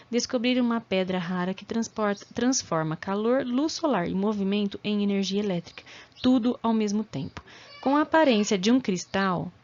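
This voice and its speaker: A woman teacher with a Brazilian Portuguese accent explaining verb tenses in a recorded lesson, often checking in with "tá?" and slowing down to spell out conjugations. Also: mid-range voice, a little mellow. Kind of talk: recorded remote class lesson. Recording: slightly dull lo-fi audio.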